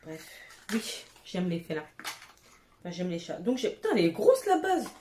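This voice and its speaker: A woman's voice: fairly low pitch, huge pitch swings, moderate pace, dark tone. A woman beauty vlogger chatting casually at home, gushing with exclamations and casual swearing. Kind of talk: casual haul chat. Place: at home, with her cat nearby. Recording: echoey room with faint noise.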